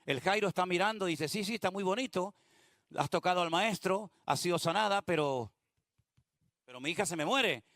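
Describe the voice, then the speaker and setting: A male pastor with a somewhat high voice delivers a sermon. He drops into quiet, prayerful passages, then builds to fervent exhortation. The sound is dry and close, with almost no room echo. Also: animated, moderate pace. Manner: shifts between hushed prayerful tones and rising preaching fervor.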